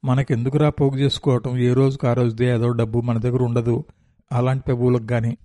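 A man's voice: medium pitch, flat delivery, fairly quick, dark tone, no room sound, lightly acted. A man voicing a boastful, scheming fisherman middleman in a read-aloud story, talking in a swaggering, coaxing village way. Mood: sly boasting.

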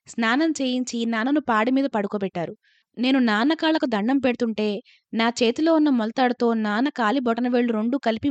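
A woman reading a first-person story aloud in a calm, measured narration. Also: on the high side, no room sound, highs cut off.

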